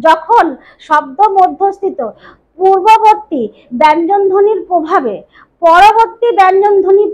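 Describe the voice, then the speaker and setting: A woman teaching a Bengali grammar lesson, repeating definitions and asking her students rhetorical questions. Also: very high-pitched. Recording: dull lo-fi recording.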